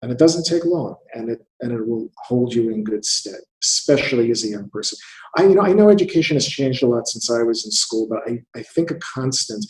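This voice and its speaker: A man's voice: medium pitch, lively intonation, a little fast, a little mellow, roomy sound, rough recording. A man in his fifties from the United States, a theatre investor speaking as an interview guest, thinking aloud and often repeating words. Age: 50s. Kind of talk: conversational interview.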